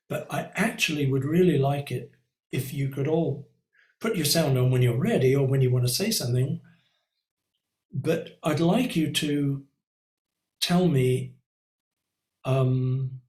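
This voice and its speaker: A man's voice: mid-range voice, darkish tone. Man teaching painting over a roomy call. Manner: reflective, conversational, lots of ums and self-asides. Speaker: art teacher. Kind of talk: live online painting class. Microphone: computer mic on a video call.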